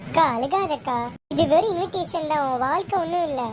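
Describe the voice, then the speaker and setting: A woman's voice: very high voice, brisk, noisy background. A woman playing a caring, firm younger sister who comforts and reassures her crying sister in a home-made serial drama. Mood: comforting. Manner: soothing, reassuring.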